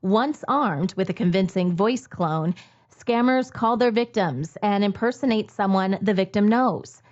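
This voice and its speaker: A woman narrates a news segment from a script, steady and measured. The audio has a slightly muffled, lo-fi quality. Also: medium pitch. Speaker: news anchor.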